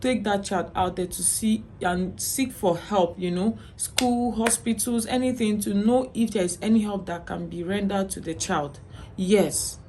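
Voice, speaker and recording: A woman's voice: medium pitch, steady tone, unhurried, darkish tone, slight background noise. A Nigerian woman vlogging as a mother, talking earnestly to her viewers and often checking in with "okay?". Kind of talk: personal vlog to camera.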